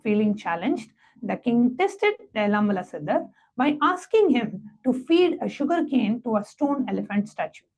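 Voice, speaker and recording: A woman presenting a devotional satsang, reading a story aloud and then giving step-by-step guided instructions in a measured, reverent way. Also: a little high, very animated, a little mellow, low-quality recording.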